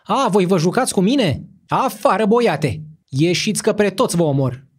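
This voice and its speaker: A man voicing a furious, tyrannical dying old prince with a hoarse, frightened shout. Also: sits high, animated, pitched above the performer's own voice. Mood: raging.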